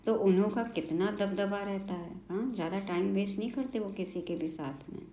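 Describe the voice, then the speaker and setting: A woman's voice: mid-range voice, normal speed, mellow. A woman giving an earnest devotional sermon who asks questions and answers them herself, often prompting with short "haan" and "hmm?". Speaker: spiritual teacher explaining a daily lesson. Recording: roomy, slightly dull recording.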